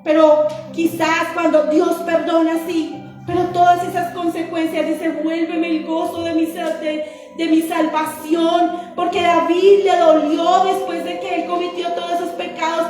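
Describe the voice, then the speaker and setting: A woman preaches in a very high, flat-toned voice, her words ringing around a hugely reverberant church. She repeats phrases in an earnest, sing-song preaching rhythm. Soft music plays faintly underneath. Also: a little slow. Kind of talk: sermon.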